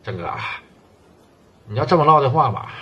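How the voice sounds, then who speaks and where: A man's voice: mid-range voice, very animated, normal speed, husky, muffled recording. A man with a Northeastern Mandarin accent voicing a defiant, cocky young male brawler who talks back. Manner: defiant, backtalking.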